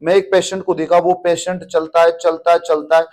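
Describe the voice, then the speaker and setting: A man's voice: on the high side, flat delivery, a little fast, darkish tone. A man teaching a class in a playful, teasing way. He calls his students "beta" and mixes English terms into his talk. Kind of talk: classroom lecture.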